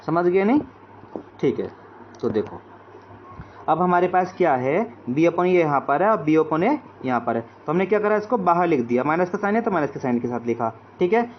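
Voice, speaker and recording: A man teaching math, explaining each step and checking in with his students. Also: high voice. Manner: repeats check-in phrases like "okay friends". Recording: dull lo-fi audio with faint hiss.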